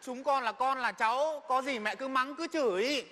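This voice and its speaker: A man's voice: very high voice, moderate pace. A man playing a cheeky young husband and new father who teases and argues with his father. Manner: teasing, argumentative. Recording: loud music underneath.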